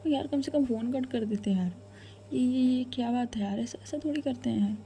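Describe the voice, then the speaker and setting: A woman's voice: on the high side, fairly quick, warm tone, slight background noise, natural voice. A woman voicing a hurt, sulky young woman reproaching her partner, in a whispered role-play.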